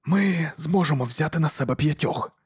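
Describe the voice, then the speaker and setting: A man voicing an eager, bloodthirsty male armored space warrior with a gruff manner. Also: a little high, moderate pace, dry recording, studio quality.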